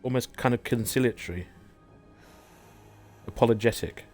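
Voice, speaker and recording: A man's voice: medium pitch, normal speed, a little mellow, faint music behind. A man hosting a gaming show, giving casual, rambling gameplay commentary in a chatty, self-deprecating way.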